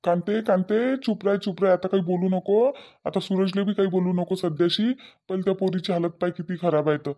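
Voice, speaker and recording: A woman's voice: on the low side, steady tone, a little fast, mellow, close to an everyday voice. A woman voicing a worried middle-aged village father with a Varhadi Marathi accent, who repeats himself in short urgent bursts. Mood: hushing.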